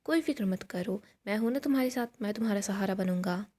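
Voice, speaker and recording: A woman voicing a smug scheming man who taunts a young woman, in a mellow voice. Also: medium pitch, fast, lightly acted.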